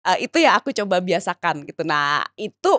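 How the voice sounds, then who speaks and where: A woman from Indonesia, a writer and entrepreneur, talking as a podcast guest in a lively way, laughing often and mixing in English phrases. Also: on the low side, fairly quick, no room sound, studio quality. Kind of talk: casual interview chat.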